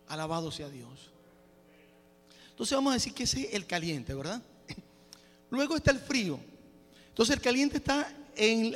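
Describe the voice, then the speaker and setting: Man preaching, very high voice, long hall reverb, praise interjections. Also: a bit bright. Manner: restarts and stumbles while exhorting. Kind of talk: sermon. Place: church.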